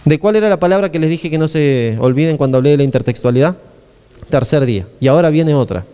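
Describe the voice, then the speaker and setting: Animated Argentine pastor preaching in a hall. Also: male voice, on the high side, fast, clear, resonant tone. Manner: conversational preaching with frequent rhetorical questions. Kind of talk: sermon.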